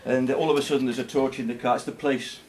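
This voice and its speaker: A man's voice: mid-range voice, steady tone. A man performing a comic song at a folk club party, racing through wordy patter verses and telling jokes with a laugh in his voice. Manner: rattles off wordy patter verses at speed between slower sung lines; jokey storytelling, laughing as he goes. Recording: noisy live amateur recording.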